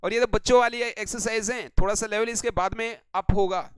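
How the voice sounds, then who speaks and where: A man's voice: sits high, fairly even intonation, fairly quick, clear, resonant tone, no echo, rough recording. A man teaching English grammar in a live online class, playfully teasing and drilling students by name.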